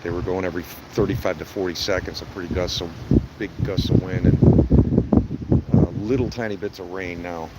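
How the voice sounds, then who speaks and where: Deep-voiced man in roaring outdoor wind. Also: steady tone, brisk. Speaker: amateur storm watcher livestreaming. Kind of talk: casual live storm commentary. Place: outdoors in a yard at night during hurricane winds. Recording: loud wind buffeting the microphone, rustling leaves. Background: strong gusting wind, rustling trees.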